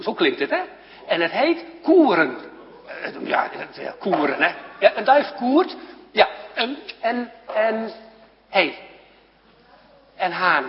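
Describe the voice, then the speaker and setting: A high-pitched, animated man talks with children in a church service, unhurried and full of playful questions. His voice rings through a large hall with a long reverb. The sound is dull and lo-fi. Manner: playful, questioning, often laughing. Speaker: leader of a children's moment in church.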